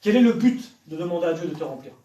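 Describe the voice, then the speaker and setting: Echoey preacher with a raised voice. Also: male voice, high voice, animated, fast talker, mellow, highs cut off. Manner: direct, questioning the audience. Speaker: evangelist preacher. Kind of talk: sermon to young people. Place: church hall. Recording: echoey church hall, from far off.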